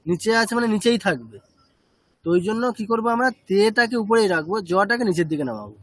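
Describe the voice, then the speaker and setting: A man's voice: sits high, very animated, fast, a bit bright, dry recording. A man teaching a chanting class, explaining step by step and checking with short questions.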